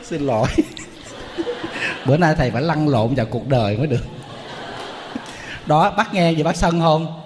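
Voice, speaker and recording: A man's voice: a little high, lively intonation, moderate pace, pauses often, darkish tone, in a large hall, a little hiss or hum. A man, a Buddhist monk giving a humorous, storytelling sermon.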